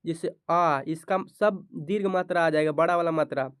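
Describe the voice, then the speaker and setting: Male teacher, slightly high, smooth voice, asks and answers his own questions, close dry mic. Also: fairly quick, no room sound. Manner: repeats each question and answers it himself. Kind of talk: grammar lesson for board exam students.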